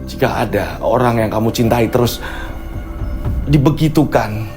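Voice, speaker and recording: A man voicing a grim young man who mutters low and flat. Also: normal speed, soft background music, lightly acted. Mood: bitter.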